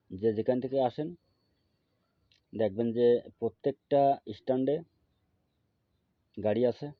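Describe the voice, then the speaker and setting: A man, a folk healer who explains his methods and then slowly chants a mantra for listeners to memorize. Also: no room sound. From Bangladesh. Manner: slow, drawn-out chanting, louder and higher on the mantra. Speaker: folk healer teaching spells. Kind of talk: instructional talk with chanted mantra. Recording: tinny phone-like audio.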